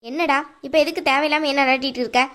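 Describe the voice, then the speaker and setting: A woman voicing a sharp-tongued, nagging middle-aged mother-in-law in a cartoon, scolding and mocking. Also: sits high, fairly even intonation, quick pace. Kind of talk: cartoon voice acting.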